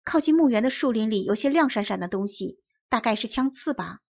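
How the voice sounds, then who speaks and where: A woman's voice: on the high side, animated, a little fast, vocal fry, darkish tone, highs cut off. A woman voicing an eager, fearless young boy.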